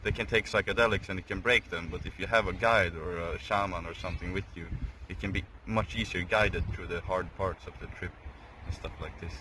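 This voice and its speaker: A man with a deep voice muses casually in loose, laid-back phrases. The recording is outdoors, with clear vehicle noise and some clicks behind him. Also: fairly even intonation, a little fast, hardly any pauses. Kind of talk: casual chat. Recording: noisy outdoor recording, clicks, urban traffic.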